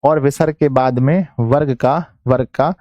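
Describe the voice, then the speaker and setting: A man with a Bihari Hindi accent teaches an exam-prep grammar class online, dictating each phrase slowly and saying it again and again. His voice is mellow and dry, close to the mic. He keeps coaxing his students along. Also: medium pitch, steady tone, no room sound, dull audio. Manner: coaxing, calls students "my children".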